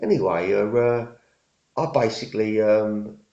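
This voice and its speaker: A man's voice: lowish voice, a little slow, dark tone. Rambling man in an echoey room. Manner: rambling, repeats himself, working-class slang. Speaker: vlogger. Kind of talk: casual storytelling monologue. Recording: echoey room, dull lo-fi sound.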